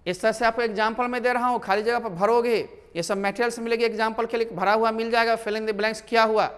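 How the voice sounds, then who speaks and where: A man's voice: very high voice, flat delivery, brisk, fairly bright tone, clean tone, big-room sound. A man teaching spoken English in a classroom lesson, drilling example questions and answers. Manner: instructive, repeats and drills example sentences.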